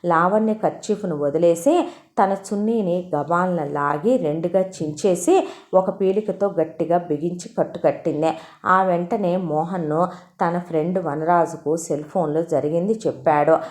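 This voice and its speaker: A woman reading a story aloud in steady, expressive narration. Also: lowish voice, normal speed.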